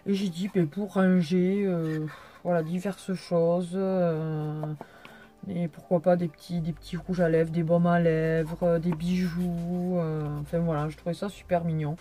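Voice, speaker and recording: A woman's voice: on the low side, flat delivery, a little slow, dark tone. A tired young woman chatting through a casual haul video, rambling and hesitant with many fillers. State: tired, yawning. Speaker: vlogger.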